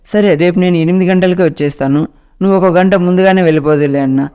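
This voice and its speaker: A man's voice: sits high, fairly even intonation, quick pace, dark tone, smooth, lightly acted. A man voicing an apologetic young male coworker in a told story. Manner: apologetic, polite.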